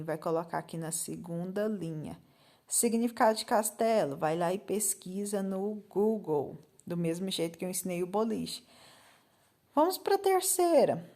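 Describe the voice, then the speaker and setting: A woman's voice: on the low side, normal speed, dark tone. A woman with a Brazilian accent, teaching a recorded Portuguese lesson to fifth graders, patiently spelling out letters and checking understanding.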